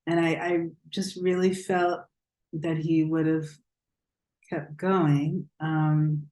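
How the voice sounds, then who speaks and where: A woman's voice: deep voice, level tone, takes it slowly, darkish tone. A woman author answering a reader's question in a thoughtful way, searching for her words. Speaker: author and rabbi. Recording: echoey room.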